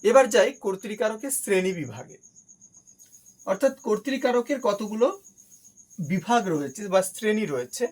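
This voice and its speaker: A man's voice: sits high, sing-song, moderate pace, long pauses, a little mellow, low-quality recording. A man teaching a grammar lesson, who explains each step patiently, repeats key terms, and asks questions that he answers himself.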